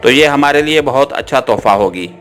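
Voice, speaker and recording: A man voicing an armed male cult guard in an audiobook, speaking in a harsh, flat tone over soft background music. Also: medium pitch, a little fast, natural voice. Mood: measured. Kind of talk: audiobook character reading.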